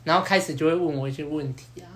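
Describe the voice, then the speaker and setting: A young podcast host with a Taiwanese Mandarin accent talks in a slightly high voice at rapid-fire speed. He recounts a dating anecdote in a lively, casual way, using slang and some mild swearing and performing the dialogue he quotes.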